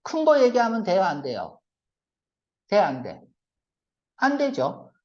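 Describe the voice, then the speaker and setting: A male English reading teacher giving a brisk exam-prep lecture, firing quick rhetorical check-questions at his students and switching between polite and blunt casual speech. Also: high-pitched, wildly swooping pitch. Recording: lo-fi lecture recording.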